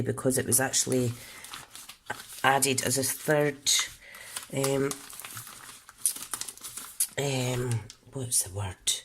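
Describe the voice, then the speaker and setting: A very deep-voiced woman from the UK, congested and coughing, walks through a papercraft project as a casual tutorial, with slight background noise. She's chatty and stops to correct herself and explain things.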